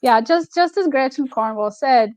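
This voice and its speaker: A native Slovak woman with a Slovak accent touched by Nova Scotian, talking casually and reflectively as an interview guest, often pausing to find her words. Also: sits high, animated, darkish tone, no echo. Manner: reflective, halting, searching for words. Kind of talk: casual conversational storytelling.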